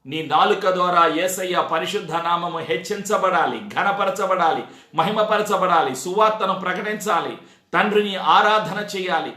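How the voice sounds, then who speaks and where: A man with a high, sharp voice preaches a sermon in an echoey, reverberant space. He exhorts his congregation with repeated phrases and rhetorical questions.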